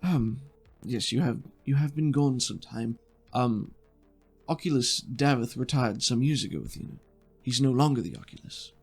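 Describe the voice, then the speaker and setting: In a tabletop game, a game master gives voice to a polite, precise male bureaucrat, speaking in formal, hesitant, measured phrases. The voice is medium-pitched and husky, the mood courteous and precise, with faint music behind.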